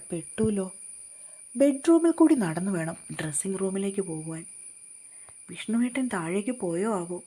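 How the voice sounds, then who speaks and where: Husky, mellow woman reading a romance novel. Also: medium pitch. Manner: steady, measured storytelling. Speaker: storyteller.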